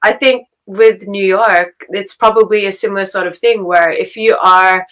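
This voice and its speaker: Australian woman, podcast host, casual chat, laughs often, mid pitch. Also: fairly even intonation, normal speed, a bit bright, poor audio. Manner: chatty, laughs often, repeats words for emphasis.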